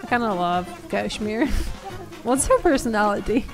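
A woman's voice: fairly high pitch, very animated, measured pace, music in the background. A woman streamer chatting with her viewers while she plays, giggling, swearing and easily distracted. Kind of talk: live-stream game commentary.

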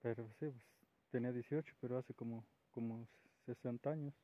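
A man's voice: medium pitch, fairly even intonation, brisk. Mexican guy asking teasing questions, tinny phone-line sound. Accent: Mexican Spanish. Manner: chatty, gently teasing questions. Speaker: interviewer behind the camera. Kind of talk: casual chat.

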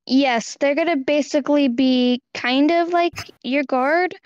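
A woman's voice: high-pitched, no room sound, highs cut off. A woman playing an overprotective dad who is clueless about trends and eager to seem hip, rambling and repeating words in an amateur roleplay. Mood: eager, doting. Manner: halting, rambling, repeating phrases.

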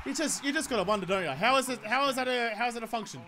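A man's voice: very high-pitched, expressive, rapid-fire, sharp tone, slight background noise. An Australian man in his twenties giving casual, sweary gameplay commentary with exasperated, sarcastic ranting. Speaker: gaming video host.

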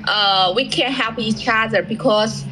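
A woman in her twenties from China with a fairly high voice, chatting in friendly, halting English. She speaks over a webcam at arm's length. Music is clearly audible behind her. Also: poor audio. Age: 20s. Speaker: video chat partner. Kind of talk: casual video chat.

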